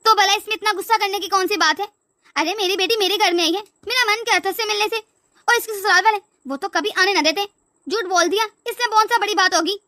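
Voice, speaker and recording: Scornful cartoon mother-in-law, woman voicing, shrill high voice, dry. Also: brisk, bright, forceful tone, dry recording. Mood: nagging. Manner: nagging, haughty. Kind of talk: cartoon voice acting.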